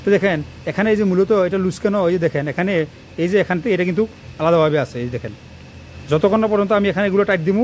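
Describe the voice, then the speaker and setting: The voice sits high as this male electrician talks to camera about wiring, moving fast and going over the same points again mid-task. A propped phone nearby does the recording, with faint background noise.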